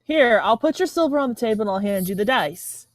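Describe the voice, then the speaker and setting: A woman chats playfully as a player in a tabletop role-playing game, joking and giggling. Her voice sits at a middle pitch, and the sound is dry and close. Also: lively intonation, fairly quick, no echo. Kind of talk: casual tabletop game chat.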